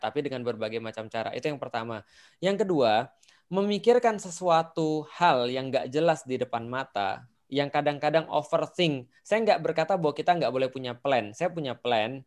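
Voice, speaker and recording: A man giving casual Islamic advice, explaining through examples and stories. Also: mid-range voice. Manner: explains with stories and acted quotes.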